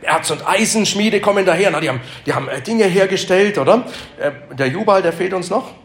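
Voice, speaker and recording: A man's voice: high-pitched, expressive, fairly quick. A man teaching a Bible lesson to a live group, asking them questions and repeating their answers, with emphatic repetitions. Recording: echoey room.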